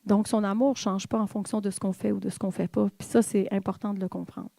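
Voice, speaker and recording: A woman's voice: medium pitch, fairly even intonation, quick pace, vocal fry, mellow, no room sound. A woman with a Québécois accent giving a personal testimony sermon to a church, candid and confiding as she speaks straight to the congregation. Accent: Québécois French. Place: church in Quebec.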